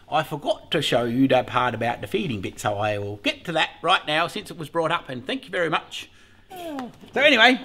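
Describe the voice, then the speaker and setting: Australian bloke, middle-aged, casual beekeeping vlogger, bright voice, lively up-and-down delivery, swears freely. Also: male voice, fairly high pitch, creaky. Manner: chatty, cheerfully profane, rambles with frequent laughs. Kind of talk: casual rambling vlog talk. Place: by an observation hive.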